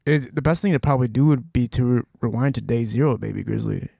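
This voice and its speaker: A man's voice: mid-range voice, fast, vocal fry, mellow, slightly rough, no room sound, studio quality. A man hosting a podcast, asking long, winding questions in a casual way. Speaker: podcast host. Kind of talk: casual interview.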